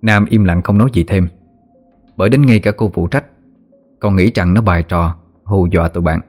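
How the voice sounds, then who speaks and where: A man narrating a ghost story in a steady storytelling voice. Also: sits low, normal speed, soft background music.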